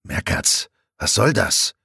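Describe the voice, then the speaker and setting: A man's voice: slow pace, bright, forceful tone, no room sound, clean studio sound. A man voicing a weary, grumbling male police chief. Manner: grumbling, dismissive.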